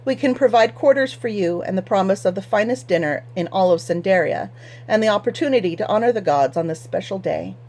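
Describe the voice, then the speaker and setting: A woman voicing a stubborn, pious farmer who speaks firmly and flatly in courtly old-fashioned words. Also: mid-range voice, a little fast, natural voice. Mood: firm courteous. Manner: firm, flat, stubborn. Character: stubborn, pious middle-aged male farmer.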